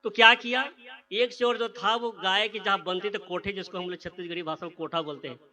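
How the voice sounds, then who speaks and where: This is a male preacher, delivering a sermon. His voice sits high and bright. He tells a parable and gives each character their own spoken lines. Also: fairly even intonation, brisk. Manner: storytelling, acts out the characters' lines.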